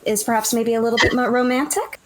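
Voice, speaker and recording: A woman voicing a calm, theatrical elven fortune-teller in a tabletop game, speaking in a slow, reassuring way. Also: fairly high pitch, very noisy, lightly acted. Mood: soothing.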